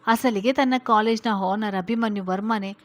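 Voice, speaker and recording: A woman reading a serial story aloud in a steady, even manner. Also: mid-range voice, moderate pace.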